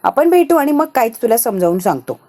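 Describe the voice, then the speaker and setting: Cocky young man, dismissive, woman playing him, mellow tone. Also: fairly high pitch, very animated, a little fast. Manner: dismissive, mocking.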